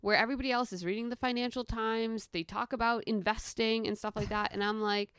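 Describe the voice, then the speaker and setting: A woman's voice: a little high, a little fast, clear, resonant tone, no echo, studio quality. A young adult woman, a podcast guest, telling her stories casually and animatedly, acting out the dialogue with lots of "like.". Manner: animated, acts out quoted dialogue, frequent "like". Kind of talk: casual storytelling interview.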